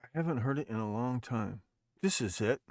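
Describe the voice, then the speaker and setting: A man hosts a podcast livestream in casual chat, rambling, swearing and often restarting or correcting his sentences. His medium-pitched voice is expressive and a little fast, recorded in clean studio sound without echo.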